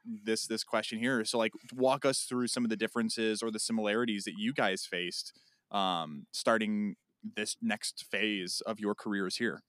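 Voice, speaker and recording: A man hosts a podcast in a playful, chatty way, asking his guests questions and telling quick stories. His voice is bright and crisp, and the recording sounds dry. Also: on the low side, steady tone, no echo. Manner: playful, storytelling, asks questions. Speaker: podcast host. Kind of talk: casual chat.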